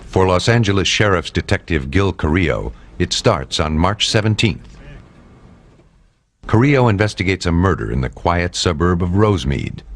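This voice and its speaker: Very deep, ominous horror-trailer narrator man. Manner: dramatic, ominous delivery. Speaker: documentary narrator. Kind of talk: scripted true-crime narration, horror trailer voice. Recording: loud music under voice. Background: loud music.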